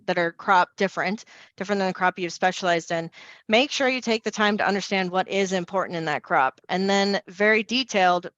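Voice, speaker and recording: A woman speaks briskly on a video call panel, her voice dry and close with little room sound. The audio is a little muffled, as is typical of call audio. She talks with energy and restarts her sentences often. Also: medium pitch, fairly bright tone, no echo. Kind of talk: online panel discussion.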